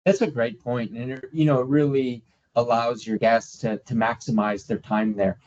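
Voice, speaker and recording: Hosting a travel webinar over slightly muffled video call audio, this man speaks at a moderate pace in a steady, mid-range voice with a slightly mellow quality. His tone is upbeat, polite and promotional.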